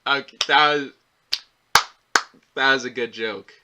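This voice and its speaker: A man's voice: mid-range voice, steady tone, slow pace, heavy background noise. A man giving a movie commentary, ranting in an exasperated, repetitive way. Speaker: movie reviewer.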